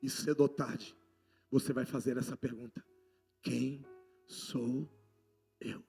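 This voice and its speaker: A man with a Brazilian Portuguese accent preaching a sermon, passionate and swinging between loud outbursts and hushed lines. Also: mid-range voice, steady tone, takes it slowly, creaky, slightly rough, faint music behind. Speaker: apostle preaching.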